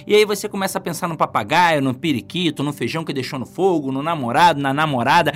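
A man's voice: on the high side, quick pace, faint music behind. A man with a Brazilian accent teaching an exam-prep lesson in a casual, joking way, asking himself questions as he goes. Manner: lively, joking, asks himself rhetorical questions.

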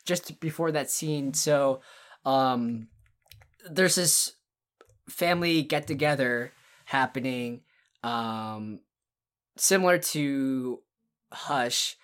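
A woman's voice: a bass voice, extremely slow, pauses often. A woman co-hosting a casual podcast, retelling scenes at length with lots of fillers and restarts. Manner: rambling, enthusiastic retelling with many fillers and restarts. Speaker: podcast co-host. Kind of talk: casual podcast chat about horror films.

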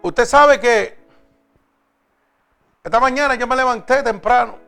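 A man preaching a sermon and giving his own testimony, moving between loud exhortation and hushed storytelling. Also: extremely high pitch, measured pace, vocal fry, soft background music.

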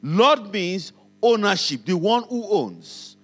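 A man's voice: high-pitched, very animated, slow pace, a bit bright. A man with a Nigerian accent preaching a sermon as pastor, repeating key phrases and calling on the congregation to respond.

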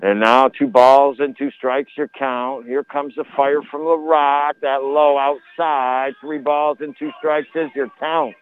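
A man calling a live high school baseball game on radio, with a folksy, colourful turn of phrase. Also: little pitch movement, unhurried, few pauses, clean tone, poor audio. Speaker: baseball play-by-play announcer. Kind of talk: live radio sports commentary. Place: broadcast booth at ball game.

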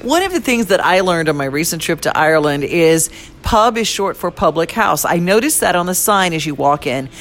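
Chatty interviewer, mid pitch, faint background noise. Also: lively intonation, moderate pace, fairly bright tone. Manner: chatty, storytelling. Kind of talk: casual interview.

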